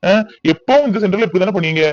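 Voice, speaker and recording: Cartoon: impatient male collector voiced by a man, quick and high, muffled dry sound. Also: expressive, no echo. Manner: brisk, demanding. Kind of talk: cartoon voice acting. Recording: dull lo-fi dry recording.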